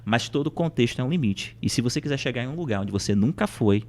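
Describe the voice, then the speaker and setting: With a medium pitch and lively intonation, this Brazilian podcast guest talks fast. His explanations feel like a motivational conversation, packed with rhetorical questions and repeated points for emphasis.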